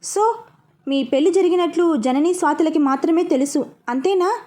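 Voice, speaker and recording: A woman playing a stern middle-aged father, sharp and demanding. He questions his daughter hard and snaps into shouting, in a high, mellow read. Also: normal speed.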